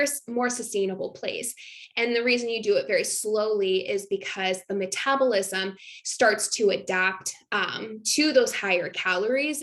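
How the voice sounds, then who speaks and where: Here a young adult nutrition coach runs a casual online masterclass in a fairly bright, medium-pitched voice. Her manner is talkative and filler-heavy, punctuated by small laughs.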